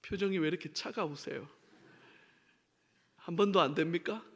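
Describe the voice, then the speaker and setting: A man's voice: on the high side, normal speed, a bit bright, slightly rough, in a large hall. A middle-aged male pastor preaching a sermon, questioning the congregation and acting out the voices he quotes. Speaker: senior pastor. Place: church sanctuary.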